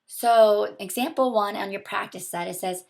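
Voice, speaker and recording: Recording a video lesson in a small windowed room at home, a young biology teacher walks through material patiently and step by step. She speaks at a normal speed in a mid-range, throaty, sore-sounding voice with vocal fry and a darkish tone.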